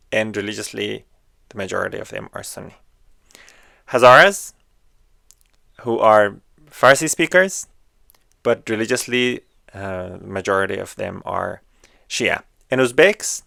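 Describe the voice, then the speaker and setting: Slow, gravelly man explaining earnestly. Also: on the low side, sharp tone, no room sound, clean studio sound. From Afghanistan. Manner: measured and earnest, pausing with frequent fillers. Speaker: video essay host. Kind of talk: explanatory monologue.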